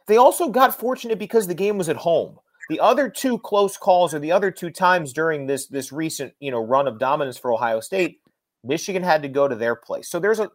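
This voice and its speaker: Appearing as a guest analyst, a radio play-by-play announcer breaks down sports with emphatic explanations, hammering points home through repetition. His voice runs a little high, and the studio-quality recording has no echo.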